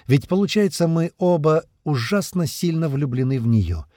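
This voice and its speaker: A man's voice: on the high side, animated, moderate pace, mellow, dry recording, clean studio sound, voice pushed up, lightly acted. A man voicing a somber, thoughtful male hero in an audiobook. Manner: somber, questioning.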